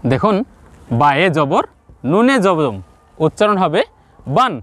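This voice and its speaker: A man teaching Quran reading step by step, patiently repeating each sound slowly and addressing the viewers directly. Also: sits high, expressive, no echo. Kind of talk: step-by-step lesson.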